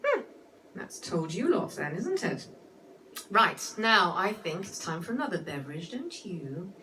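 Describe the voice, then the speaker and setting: A woman cabaret entertainer performs comic music-hall songs and chatty patter in a playfully genteel, rambling manner. Her fairly low voice is sing-song and measured, with a little hiss or hum. Loud musical accompaniment with guitar is mixed heavily with her voice.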